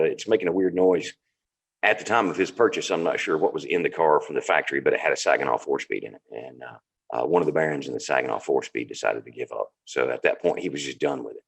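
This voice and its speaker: A man's voice: rumbling low, vocal fry. A man from North Carolina with a Southern accent, casually telling the story of his car on a video call, rambling with many fillers. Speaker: guest car owner.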